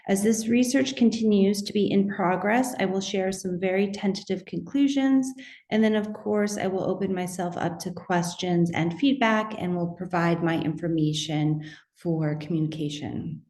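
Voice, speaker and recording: A middle-aged woman giving a conference presentation on her research, methodical and measured, with occasional fillers and restarts. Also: mid-range voice, a little mellow. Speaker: academic researcher presenting at a symposium. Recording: roomy echo.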